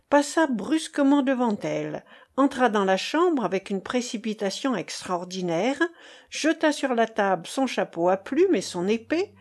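A woman reading a classic novel aloud as audiobook narration, in a measured, expressive way. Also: fairly high pitch. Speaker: audiobook reader.

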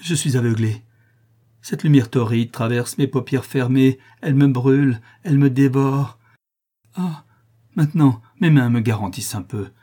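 A tormented notary in a fevered delirium, his cries climbing high and shrill, as a man acts him out. The voice underneath is dusky and husky, pushed to frantic outbursts in a storybook reading. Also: expressive, normal speed, dark tone. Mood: screaming. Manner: frenzied, shrill outcries. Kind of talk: audiobook character reading.

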